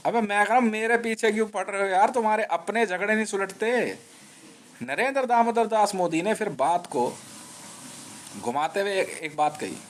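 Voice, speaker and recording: A man with a fairly high voice talks on and on in a rambling live monologue. He jabs at his listeners with taunting slang. He keeps circling back and repeating himself. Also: moderate pace. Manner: restless, repeats himself and restarts. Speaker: live streamer.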